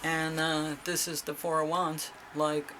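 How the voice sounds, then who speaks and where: A woman's voice: sits low, flat delivery, measured pace, a bit bright, a little hiss or hum. A middle-aged woman doing a casual tarot reading, chatty and exclamatory as she reads card meanings aloud. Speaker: tarot reader.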